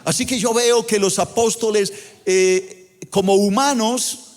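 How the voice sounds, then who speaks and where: A man's voice: high voice, fairly even intonation, unhurried. A male pastor preaching a sermon in a church auditorium, acting out dialogue with rising and falling emphasis. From Colombia. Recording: long hall reverb.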